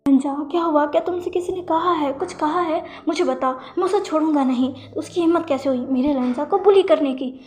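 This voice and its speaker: A woman's voice: sits high, a little fast, few pauses, a little mellow, natural voice. A woman voicing a caring, protective young man who pleads and reassures with urgent questions, in a storybook reading. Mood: worried.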